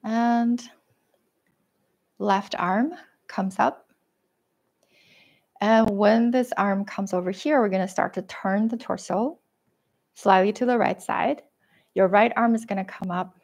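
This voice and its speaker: Woman coaching a tai chi class, gravelly. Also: mid-range voice. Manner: gentle guiding cues with frequent "right?" and "okay?", self-deprecating laughs. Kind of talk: live class instruction. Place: living room at home. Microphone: webcam and room mic while moving around.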